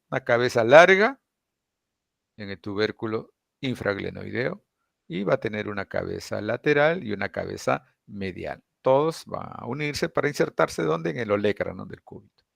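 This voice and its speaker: A man teaching an introductory anatomy class, explaining step by step and often checking in with quick tag questions. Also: lowish voice, creaky, a bit bright, no echo, studio quality. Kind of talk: lecture.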